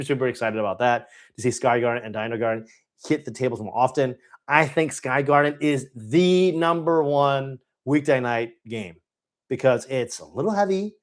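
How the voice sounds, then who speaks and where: A man hosting a casual live-stream question-and-answer session, speaking with eager enthusiasm. He rambles freely and often stops to correct himself mid-sentence. His voice sits at an ordinary middle pitch. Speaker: host.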